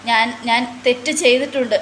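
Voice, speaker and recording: A woman's voice: on the high side, fairly even intonation, brisk, fairly bright tone, a little hiss or hum, lightly acted. A woman voicing a frightened male shop worker and father of two who stammers and pleads anxiously. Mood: fearful pleading.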